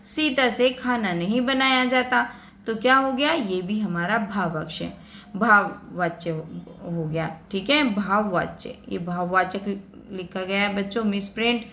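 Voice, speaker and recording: Woman teacher, patient explainer, mid-pitched voice, talks straight to her students, voice-over for a screen lesson. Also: a little slow, bright, forceful tone, a little hiss or hum. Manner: patient, addresses students directly, repeats points.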